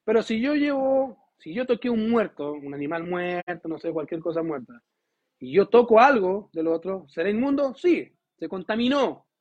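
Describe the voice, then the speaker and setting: A man preaching a sermon to his congregation, asking them questions and acting out quoted dialogue in a lively way. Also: high voice, moderate pace. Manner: lively, voices God and biblical figures in quoted dialogue. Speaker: pastor. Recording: dull lo-fi recording.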